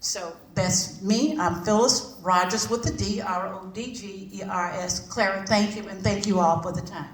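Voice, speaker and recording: Speaking at a normal speed with few pauses, a woman with a medium-pitched voice addresses a group informally on behalf of a community organisation. She's colloquial and emphatic, repeating phrases for effect. The recording has room echo, a distant mic, and background noise.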